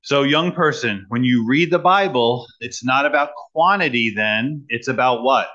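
A man preaching in short phrases and pausing for an interpreter, teasing the young people about a quiz. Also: mid-range voice, bright, forceful tone, muffled recording. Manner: pauses for translation, teacherly, jokes with young people. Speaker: guest preacher. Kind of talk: sermon with live interpreter.

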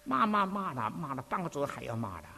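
A man from preaching a sermon, telling his own story in an animated, conversational way. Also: a little high, fast talker, vocal fry, a little hiss or hum. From Dinghai, Zhejiang, China. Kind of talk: sermon with personal testimony.

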